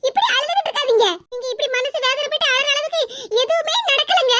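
A fast-talking performer with a very high-pitched, sharp voice plays a cartoon wife and mother in Kanyakumari Tamil. The middle-aged character is worried and pleading, coaxing with repeated pleas and fretting aloud to herself in this comic voice acting.

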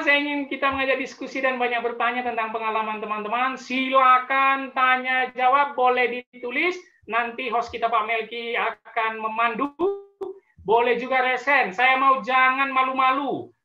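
A man, a pastor, giving a frank webinar sermon, emphatic and drawing out key words slowly. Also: extremely high pitch, fairly even intonation, pushed and bright, reverberant, muffled recording.

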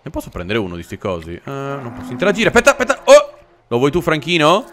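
A man hosting a let's play, narrating his gameplay with jokes and loud, animated exclamations. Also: medium pitch, quick pace, slight background noise. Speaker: gaming channel host.

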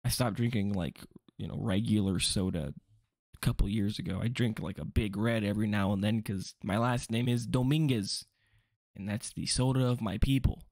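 A young man with a gravelly, frayed edge to his voice rambles through a casual video, cutting himself off and tossing in jokey asides. The sound is close and dry, with almost no room around him. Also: lowish voice, steady tone, normal speed, a little mellow, dry recording. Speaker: vlogger.

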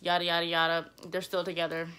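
Young woman rambling about reality tv couples, bright sharp voice, lots of slang, chatty and animated. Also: fairly low pitch, fast talker, slight background noise. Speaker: vlogger. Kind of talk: casual reality-TV gossip chat.

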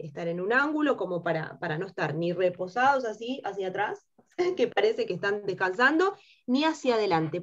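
A woman with an Argentine accent and a high-pitched timbre, teaching a workshop class and checking in with her students through rhetorical questions. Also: lo-fi sound. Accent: Argentine Spanish. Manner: explains with rhetorical questions and frequent tag "¿sí?". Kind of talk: lecture to students.

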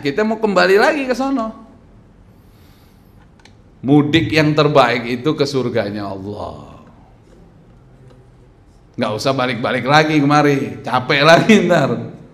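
A bright, forceful-sounding man in his thirties preaches from a lectern into a stand mic, his voice sitting a little high for a man. He keeps quizzing the crowd and slipping in jokes as he goes. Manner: animated, quizzing the crowd, joking. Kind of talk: lively sermon with audience questions. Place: mosque hall lecture at a lectern.

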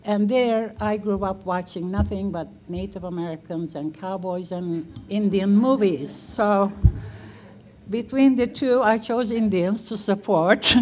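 Speaking into a table mic on a stand on stage, a woman in her sixties, born in Turkey and not a native English speaker, shares personal stories at a museum panel with lots of fillers and laughs. Her voice is mid-range with a darkish tone, and the rough recording has a little hiss or hum.

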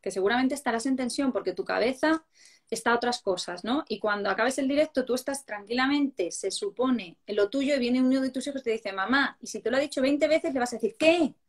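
Higher-pitched woman explaining earnestly. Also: fast talker. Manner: explanatory, earnest, rhetorical questions. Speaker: psychologist guest. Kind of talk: casual live-stream chat on parenting.

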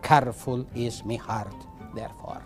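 A man reading aloud as a henpecked medieval husband who mourns his lot in a repeated, drawn-out refrain. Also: on the high side, big pitch swings, darkish tone, faint music behind, pitched above the performer's own voice. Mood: woeful lament. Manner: lamenting, recited refrain. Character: henpecked medieval husband, middle-aged man, woeful and complaining.

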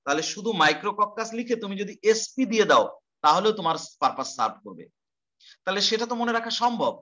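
A man's voice: high-pitched, sharp tone. A male teacher giving an online class lecture, explaining step by step, repeating terms and asking rhetorical questions.

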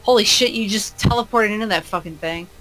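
A woman chatting casually with friends during an online shooter game, wry and quick to swear. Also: medium pitch, a bit bright, soft background music, low-quality recording. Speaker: gamer teammate. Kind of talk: casual gaming chat.

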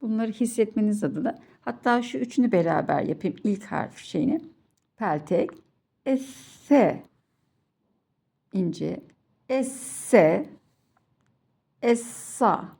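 A woman's voice: mid-range voice, fairly even intonation, moderate pace, gravelly, mellow, breathy edge. A woman teaching children to read Quranic letters, patiently drilling syllables one by one and repeating each sound. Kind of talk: slow children's recitation lesson.

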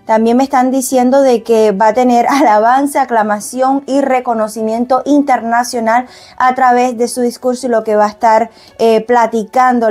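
A woman's voice: a little high, a little mellow. A woman giving an emphatic tarot prediction at a table, piling up synonyms for stress. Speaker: tarot reader.

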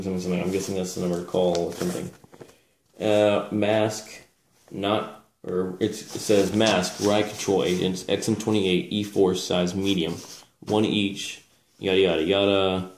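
A man with a low voice presents items in a casual, off-the-cuff way. He rambles a little and corrects himself as he goes. The small room adds echo, and there is light noise behind him. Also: darkish tone. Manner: hesitant, rambling, self-correcting. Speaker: presenter reviewing collectible military gear. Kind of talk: casual unscripted show-and-tell. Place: small indoor room at a table. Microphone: camera mic, speaker off screen. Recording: roomy echo with background hiss.

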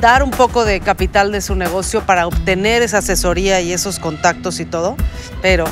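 A woman's voice: mid-range voice, brisk, music in the background. Kind, firm Mexican woman investor. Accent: Mexican Spanish. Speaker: investor judge. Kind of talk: TV business panel.

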